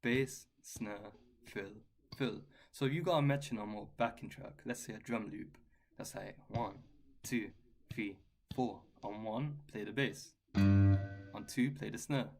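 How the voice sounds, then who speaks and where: A man giving a relaxed guitar lesson and answering viewers' questions, with a chatty, loose, slangy way of talking. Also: fairly low pitch, measured pace, vocal fry. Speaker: guitar teacher. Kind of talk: casual live-stream Q&A. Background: his own guitar playing.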